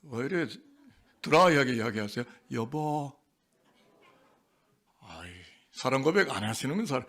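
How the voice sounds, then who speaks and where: A man's voice: medium pitch, expressive, fairly quick, a bit bright. A male senior pastor giving a sermon in a church sanctuary, playful and quizzing the congregation.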